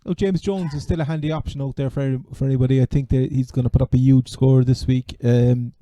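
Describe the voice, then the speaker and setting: A man with a Cork Irish accent chatting casually as a sports podcast host, halting and repeating words as he goes. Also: medium pitch, fairly even intonation, warm tone. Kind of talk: casual fantasy American football chat.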